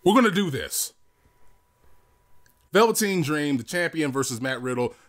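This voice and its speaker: A man's voice: on the high side, animated, normal speed, fairly bright tone. A man co-hosting a casual wrestling predictions podcast, rambling with restarts and casual swearing. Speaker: podcast co-host.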